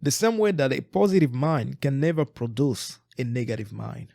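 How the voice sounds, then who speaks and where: A podcast co-host from Eastern Congo, a man in his forties, chats reflectively and earnestly, often restarting sentences and repeating words. His medium-pitched, mellow voice is very animated, has vocal fry, and moves at a moderate pace. The recording is dry and studio-quality.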